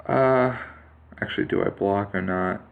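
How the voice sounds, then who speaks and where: A man with a fairly low voice and some vocal fry casually commentates live on his own Go game, thinking aloud in an unhurried way with plenty of fillers and restarts. Picked up by a computer mic on a screen capture, he sounds phone-quality.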